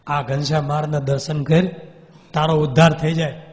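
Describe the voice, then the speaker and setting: A man's voice: fairly high pitch, little pitch movement, normal speed, close to an everyday voice. A man voicing a stern monk who scolds and orders a ghost to leave. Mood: commanding. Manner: commanding, scolding. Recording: long hall reverb.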